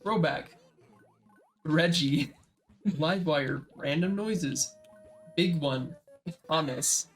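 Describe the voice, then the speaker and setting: Higher-voiced man in casual podcast chat. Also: drawn-out words, long pauses, soft background music. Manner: rambling, reads out a list. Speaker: podcast co-host.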